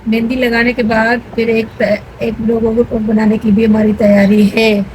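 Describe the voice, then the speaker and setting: A woman's voice: fairly high pitch, completely flat delivery, a little mellow. A woman in the family chatting and laughing at herself, in a casual home conversation. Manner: laughing, self-mocking banter. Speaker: family member. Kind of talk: casual chat. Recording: noisy home recording.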